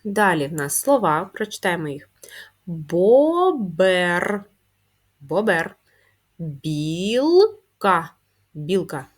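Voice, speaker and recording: A woman's voice: fairly low pitch, breathy edge. A woman teaching a first-grade handwriting lesson, patiently asking questions and answering them herself. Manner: patient, drawn-out, answers her own questions. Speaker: primary school teacher. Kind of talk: slow, clearly spelled-out handwriting lesson.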